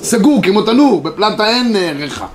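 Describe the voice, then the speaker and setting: High-voiced rabbi teaching a class. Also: male voice, very animated. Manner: explains, reads sources aloud, checks in with students. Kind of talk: Torah class lecture. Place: classroom with students.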